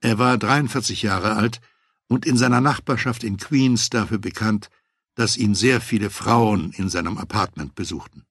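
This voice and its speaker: A man reading a first-person memoir aloud as an audiobook narrator, in a measured, matter-of-fact way. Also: on the low side, a bit bright, breathy edge, dry recording, clean studio sound.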